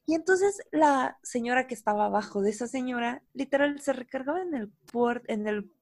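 A young woman with a Mexican accent, co-hosting a podcast and telling a story in slangy, animated casual chat. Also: high voice, normal speed, no room sound, studio quality. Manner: slangy, animated, full of fillers. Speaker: podcast co-host.

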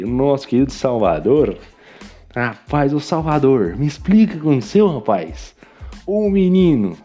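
A man's voice: medium pitch, dark tone. A man from Brazil hosting a podcast, giving a casual joking recap of race results and teasing the drivers by speaking to them directly. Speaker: podcast host recapping a sim racing league.

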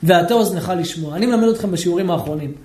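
A high-pitched man teaches a rabbi's lesson with animated energy. He keeps putting questions to his listeners. The voice rings in an echoey room. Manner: animated, asks the audience questions, acts out shouting people. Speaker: rabbi giving a Torah lesson. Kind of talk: lively sermon-style lesson with questions to listeners.

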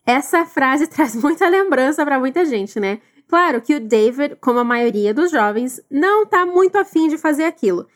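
Woman, English teacher, high voice, encouraging, repeat-after-me drills. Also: animated, moderate pace, few pauses. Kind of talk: recorded language lesson.

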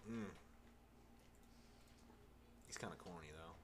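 A man's voice: sits low, slow pace, noisy background. A man co-hosting a podcast, talking in a crude, joking way with lots of swearing and laughter. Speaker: podcast co-host. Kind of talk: casual chat.

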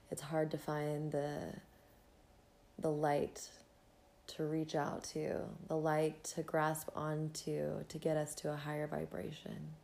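A woman hosting a spiritual podcast, speaking gently in measured, deliberate phrases. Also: low-pitched. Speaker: podcast host.

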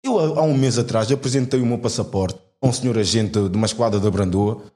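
A man's voice: fairly low pitch, quick pace, warm tone. Heartfelt young man. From Portugal. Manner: heartfelt, argumentative, slangy. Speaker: guest. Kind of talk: earnest conversation.

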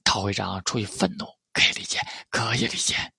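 A man's voice: lowish voice, steady tone, fairly quick, creaky, sharp tone, breathy edge, no room sound, clean studio sound, voice pushed down, full character voice. A man voicing a flustered, sly pop idol. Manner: nervous, placating.

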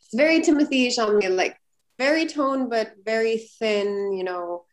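A woman's voice: on the high side, moderate pace. A woman co-hosting a casual chat, telling a long anecdote with lots of "like" fillers. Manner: rambling, animated, frequent "like" fillers. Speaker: podcast co-host.

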